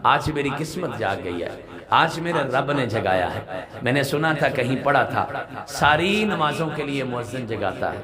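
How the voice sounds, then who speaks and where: Impassioned male preacher, lively pitch, recites verse, live crowd heard. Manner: surging from soft speech to near-shouted climaxes, reciting verses. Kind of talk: impassioned sermon. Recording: live gathering with audible crowd.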